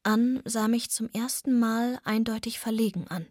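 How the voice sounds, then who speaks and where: Breathy woman reading a novel softly. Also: fairly high pitch, steady tone, normal speed, no echo, clean studio sound. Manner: soft, often drops to a near whisper. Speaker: audiobook narrator. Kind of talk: first-person novel reading.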